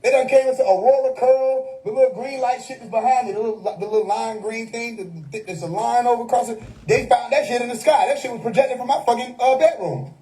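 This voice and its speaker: A man's voice: extremely high pitch, fairly quick, few pauses, mellow, low-quality recording. A man, hosting a casual livestream monologue that preaches hidden meanings with wordplay and frequent laughter. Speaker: livestream host. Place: home.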